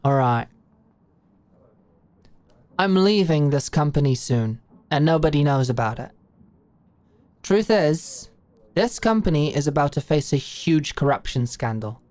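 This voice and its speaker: In a scripted audio roleplay monologue, a woman plays a blunt, shrewd older British executive who talks in a brash, slangy, commanding way, frank and confiding in mood. Her low-pitched voice is animated yet unhurried, with long pauses and a darkish tone and no echo.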